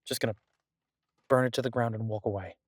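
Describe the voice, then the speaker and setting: A man plays a restless, doting mafia boss stuck baking in a safe house, griping with playful exasperation and a swearing gangster's swagger in what sounds like an intimate audio roleplay. His natural, medium-pitched voice stays steady as he talks fast and conversationally. The recording is very dry, with no sense of room around him.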